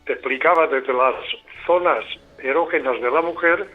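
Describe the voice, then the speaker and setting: A man in his seventies calling in to a radio show over the phone, speaking slowly in short broken phrases. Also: on the high side. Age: 70s. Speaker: caller. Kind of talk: call-in radio comment. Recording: tinny phone line with faint music.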